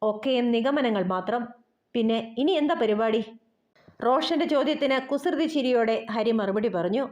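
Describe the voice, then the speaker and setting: A woman narrating a romance audio novel, reading every character's lines herself with lively shifts in tone. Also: on the high side, normal speed, highs cut off. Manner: reads dialogue with lively shifts between characters. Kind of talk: scripted narration reading all parts.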